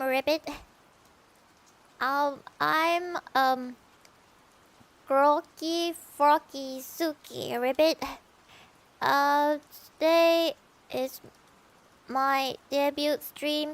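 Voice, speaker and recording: A woman doing a nervous croaking frog girl. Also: high voice, a bit bright, full character voice. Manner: tacks "ribbit" onto sentences.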